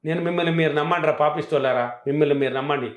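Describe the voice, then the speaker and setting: A man's voice: on the high side, racing, reverberant. A man teaching self-help affirmations, answering interview questions in a self-assured, emphatic and repetitive way.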